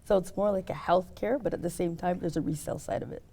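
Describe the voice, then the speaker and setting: Low, gravelly-voiced woman optician. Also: quick pace, dark tone. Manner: explains step by step, hesitant fillers. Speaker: interview guest, optician. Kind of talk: casual interview talk.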